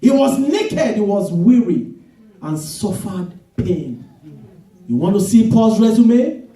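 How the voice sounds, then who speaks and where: High-voiced preacher in an echoing hall. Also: male voice, very animated. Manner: preaching with sudden shouted emphasis and drawn-out phrases. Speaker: pastor. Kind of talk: sermon. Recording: echoey room from a distance.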